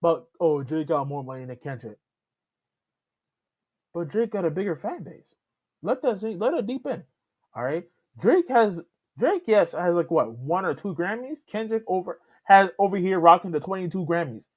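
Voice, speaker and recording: Animated man, lo-fi recording. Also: high-pitched, slightly rough. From Canada. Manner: rambling, repeats and restarts while he talks. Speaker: reaction channel host. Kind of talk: casual reaction commentary. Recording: dull lo-fi home recording.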